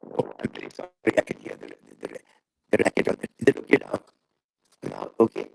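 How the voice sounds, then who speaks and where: A man speaking as an interview guest over a video call whose audio crackles and breaks up, halting and repeating words. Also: no echo.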